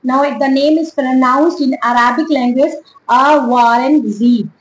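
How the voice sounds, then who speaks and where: A woman with an Indian English accent teaching an online history lesson, slowly dictating and repeating dates and names for students to note down. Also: sits high, steady tone, reverberant, slight background noise, rough recording.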